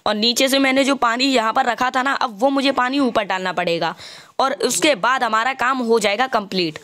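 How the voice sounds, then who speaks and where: A man giving casual gameplay commentary, chatty and walking the viewer through each step, stopping to fix his own mistakes out loud. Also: extremely high pitch. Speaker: gaming channel host.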